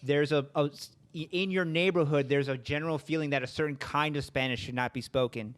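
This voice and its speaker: Slightly high-voiced man rambling. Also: fairly even intonation, brisk. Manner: rambling, hesitant, repeating words. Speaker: podcast host. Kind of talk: conversational podcast interview.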